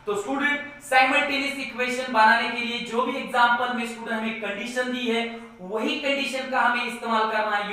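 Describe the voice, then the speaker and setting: Teacher voice: man, high and bright, slow board-work explanation, echoey room. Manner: slow, repeats words while writing, keeps saying "student". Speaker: math teacher. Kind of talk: board-work math lesson.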